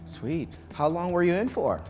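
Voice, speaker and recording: A man's voice: on the high side, sing-song, moderate pace, darkish tone, soft background music. A man hosting a live student quiz show in a college broadcast studio, chatting loosely with many ums and restarts. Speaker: game show host.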